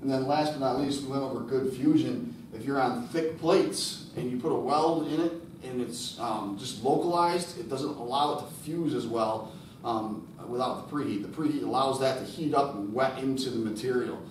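A man's voice: medium pitch, normal speed, slight background noise. A man in his thirties teaching a welding lesson at a whiteboard, talking casually and checking in with "all right?". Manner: casual, repeats key word, frequent "all right?" checks. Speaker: welding instructor. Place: classroom with whiteboard, indoors. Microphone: camera across the room. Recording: very echoey room, voice from a distance.

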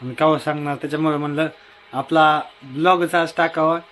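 A man's voice: on the high side, fairly even intonation, brisk, slight background noise. Chatty young man vlogging outdoors. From Maharashtra, India. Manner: chatty and repetitive, often calling loudly to his wife. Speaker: family vlogger. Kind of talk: casual vlog talk to viewers. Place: outdoors by a house.

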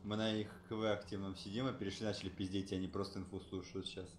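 A man's voice: low-pitched, little pitch movement, fast talker. A young man talking casually to his teammates over game voice chat. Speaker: gamer in a team. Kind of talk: casual gaming chatter. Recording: roomy echo with faint noise.

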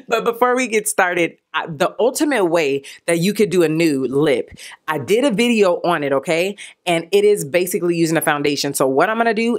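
A young adult woman chatting casually into a handheld mic as a beauty vlogger, playful and sing-song, joking and breaking into little rhymes. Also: on the low side. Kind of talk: casual chat.

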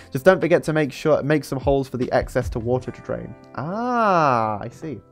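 Close to a studio microphone on an arm, and with a headset on, a man in his twenties reads a book aloud on stream in a small room, mixing storytelling with casual chat. His medium-pitched voice moves a little slowly and stays expressive, and background music runs underneath.

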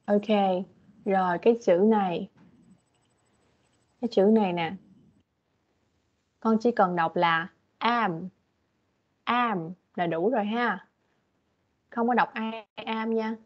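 A woman teaching English to a young child online, patient and coaxing as she explains things slowly. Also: mid-range voice. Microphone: video call. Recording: dull lo-fi video call audio.

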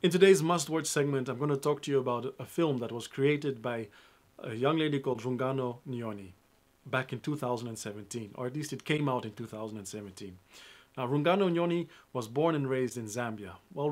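A man's voice: mid-range voice, fairly quick, darkish tone. A young man presenting a film review to camera in an upbeat, emphatic way, speaking straight to his viewers.

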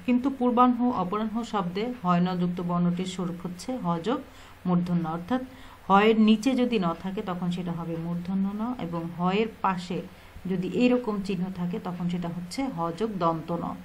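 A woman's voice: medium pitch, darkish tone, slight background noise, rough recording. A woman with a Bangladeshi Bengali accent teaching an exam-prep lesson, asking questions and answering them herself, repeating key points.

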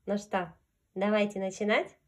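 A woman's voice: mid-range voice, level tone, normal speed. A woman reading a fairy tale aloud to young children in a sing-song storyteller's manner. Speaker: children's storyteller fronting a puppet.

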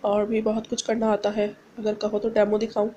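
A woman's voice: medium pitch, completely flat delivery, moderate pace, mellow, dull audio, slight background noise, natural voice. A woman voicing a loving young husband who soothes and teases his wife, read as part of a novel. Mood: teasing. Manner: soothing and playful.

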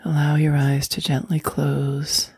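Soft-spoken woman guiding meditation. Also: low-pitched, monotone, husky, dry recording, clean studio sound. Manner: soft, slow, soothing, often whispered. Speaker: meditation guide. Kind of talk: guided meditation.

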